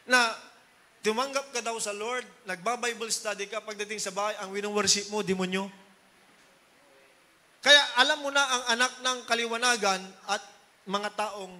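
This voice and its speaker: A man's voice: high-pitched, sharp tone. A middle-aged man from the Philippines preaching a Sunday sermon, switching between Tagalog and English and often asking the congregation for agreement. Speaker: pastor.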